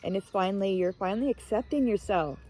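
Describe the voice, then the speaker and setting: A woman's voice: mid-range voice, quick pace, noisy background. A woman giving a casual, heartfelt tarot card reading, rambling and emotional as she talks to viewers. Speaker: tarot reader.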